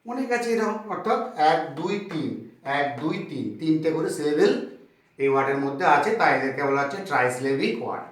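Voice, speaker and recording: A male teacher giving a beginner grammar lesson, sounding out words slowly and counting syllables. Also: fairly high pitch, expressive. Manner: slow, clear syllable counting. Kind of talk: tutorial lesson. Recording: very echoey room, mic far off.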